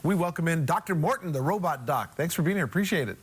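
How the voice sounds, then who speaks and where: A man's voice: a little high, lively intonation, fast talker, breathy edge. Chatty enthusiastic male TV host. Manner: chatty, enthusiastic, stumbling restarts. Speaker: TV show host. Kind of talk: TV morning show interview.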